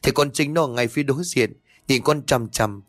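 A man's voice: medium pitch, normal speed, no echo, clean studio sound, pitched above the performer's own voice, natural voice. Man doing a terrified pleading young girl. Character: frightened teenage girl, trembling and pleading.

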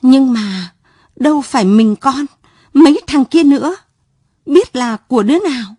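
A woman's voice: sits high, expressive, a little slow, dark tone, husky, dry recording, clean studio sound, pitched above the performer's own voice, exaggerated voice. Woman doing a stammering guilty teenage son. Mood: pleading. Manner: stammering, pleading excuses.

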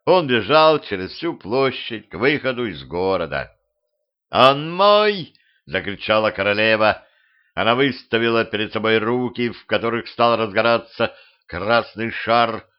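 A man's voice: fairly low pitch, normal speed. Man reading an audiobook, lo-fi sound. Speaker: audiobook narrator. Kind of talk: audiobook narration. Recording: dull lo-fi home recording.

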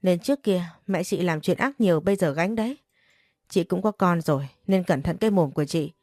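A woman's voice: fairly low pitch, fairly quick, a little mellow, no echo, clean studio sound. A woman narrating a story, voicing a short-tempered young husband who scolds and threatens his sister. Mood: threatening. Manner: barking, scolding. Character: angry young husband, protective and hot-tempered.

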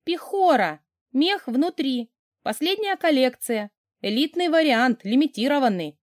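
Voiced by a woman, a scared young shop assistant rattling off a memorized pitch in a raised, nervous voice. Her delivery swings widely in pitch. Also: animated, unhurried, no echo, clean studio sound. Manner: rote, nervous sales patter. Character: frightened young shop saleswoman reciting a pitch.

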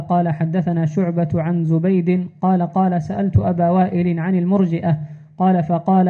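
A man reading classical religious text aloud as a student, measured and formal, repeating the narration formula before each line. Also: sits high. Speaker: student reader. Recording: tinny phone-like sound.

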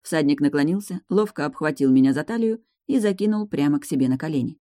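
A woman's voice: sits low, lively intonation, fast talker, mellow, dry recording, clean studio sound. A woman narrating a first-person fantasy audiobook in a wry, ironic manner.

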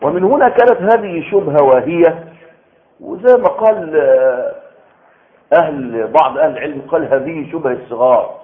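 A man with an Egyptian accent giving a colloquial religious lecture, animated, asking the audience rhetorical questions and answering them himself. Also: a little high, moderate pace, narrow, tinny audio. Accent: Egyptian Arabic. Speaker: preacher giving Quran commentary.

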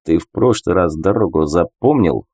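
A man voicing a stern, curt male mentor in a lowered voice in an audiobook. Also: lively intonation, measured pace, a little mellow, dry recording, studio quality, full character voice. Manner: low, curt, snorting delivery.

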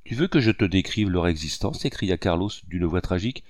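Male reader playing worried bourgeois husband for an audiobook, overdramatic and fretful, wide pitch swings. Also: very animated, unhurried, darkish tone, no room sound, studio quality. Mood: tragic. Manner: tragic, fretful. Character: anxious, dramatic middle-aged bourgeois husband.

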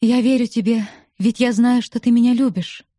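A woman's voice: fairly high pitch, steady tone, moderate pace, mellow, no echo, clean studio sound, natural voice. A woman reading an earnest young woman in love. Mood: earnest, pleading.

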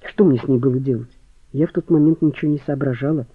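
A man's voice: mid-range voice, fast talker, husky, dry recording, lightly acted. A man reading as a distraught young woman. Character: young woman, the tearful victim's close one. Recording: phone-like, dry.

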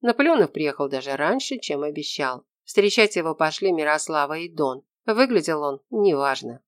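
Measured audiobook narrator, dry close sound. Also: medium pitch, expressive, dry recording. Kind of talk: scripted narration of a detective novel.

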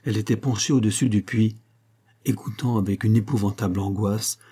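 A man narrating a novel chapter in measured, scripted storytelling. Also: on the low side, fairly even intonation, warm tone, slightly rough. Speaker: audiobook narrator.

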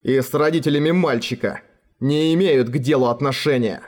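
A man's voice: mid-range voice, fairly quick, darkish tone, natural voice. A man voicing a sardonic official who speaks with cool, mocking sarcasm. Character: sardonic, unflappable male official, a consul.

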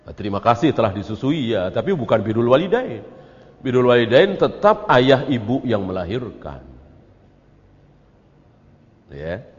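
A man's voice: medium pitch, big pitch swings, a little slow, pauses often. A man teaching as an Islamic teacher in a religious study lecture, asking rhetorical questions and answering them himself. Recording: echoey hall, dull lo-fi audio.

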